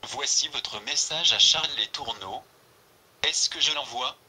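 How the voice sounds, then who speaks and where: A man's voice: medium pitch, measured pace, background noise, natural voice. A synthetic male text-to-speech voice speaking as a polite phone voice assistant, with a European French accent and formal phrasing. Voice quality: synthesized, evenly paced.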